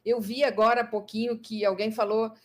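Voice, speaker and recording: A woman's voice: on the high side, brisk. A woman with a Brazilian Portuguese accent, a psychologist guest explaining her ideas in a conversational talk, thoughtful and full of fillers and restarts. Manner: thoughtful, many fillers and restarts, lively emphasis.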